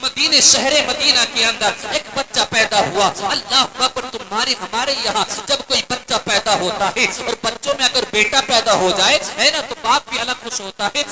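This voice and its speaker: A man's voice: very high-pitched, normal speed, few pauses, poor audio. A man preaching an emotional religious sermon, telling a story and breaking into repeated cries of praise. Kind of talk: religious sermon at a public gathering.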